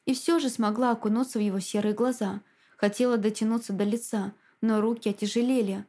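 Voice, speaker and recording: A woman narrating a novel in a measured, quiet, dramatic reading. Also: fairly high pitch, fairly even intonation. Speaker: audiobook narrator. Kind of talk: scripted narration.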